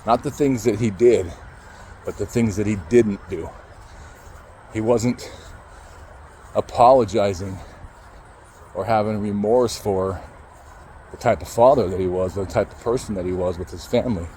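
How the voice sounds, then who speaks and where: A man with a low, mellow voice tells a personal story, halting and emotional, with casual swearing along the way. A faint hum of traffic and street noise sits behind him outdoors. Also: low-quality recording. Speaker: motivational speaker.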